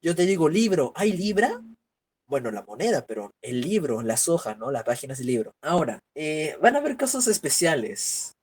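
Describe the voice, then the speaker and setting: A man's voice: on the high side, sing-song, moderate pace, husky. A man teaching an online grammar class, working through examples and asking rhetorical questions. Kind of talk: virtual class lecture. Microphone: computer mic on video call.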